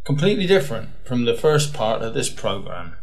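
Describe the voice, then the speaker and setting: Male presenter, medium pitch, conversational links between performances, unhurried phrasing. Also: big pitch swings, vocal fry. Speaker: programme presenter. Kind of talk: live introduction between performances.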